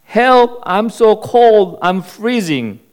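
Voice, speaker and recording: A drunk man trapped in a muddy grave, freezing and desperate, as a preacher puts him on. He shouts for help in a raised, strained voice, his words drawn out slowly. The voice is clear and clean. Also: high-pitched, expressive, pitched above the performer's own voice.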